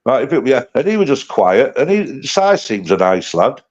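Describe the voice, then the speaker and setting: A man's voice: medium pitch, very animated, moderate pace. Sweary man in his fifties, lo-fi. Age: 50s. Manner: blunt and sweary, rambling banter. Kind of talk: casual livestream chat. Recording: dull lo-fi stream audio.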